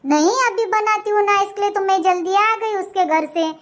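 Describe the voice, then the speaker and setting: Cartoon casting: a woman as a breezy young daughter-in-law, very high and chatty. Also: normal speed, a bit bright. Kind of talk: comic cartoon voice acting.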